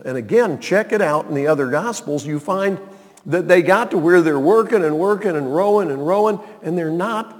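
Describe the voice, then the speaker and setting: A man preaching a sermon as pastor, talking conversationally with drawn-out phrasing and frequent check-ins with the congregation. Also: fairly high pitch. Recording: long hall reverb.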